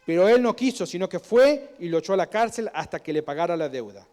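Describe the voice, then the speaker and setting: A man's voice: sits high, expressive, fast, darkish tone. A man preaching a sermon in a conversational way, asking his congregation questions and acting out quoted voices, recorded in a church. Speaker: pastor. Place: church sanctuary. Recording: long hall reverb.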